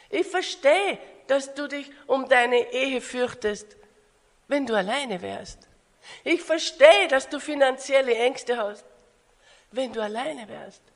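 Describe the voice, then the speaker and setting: A woman voicing a gentle, reassuring male savior, speaking softly and slowly. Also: high voice, animated, exaggerated voice. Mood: tender. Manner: soft, slow and hushed. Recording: echoey hall.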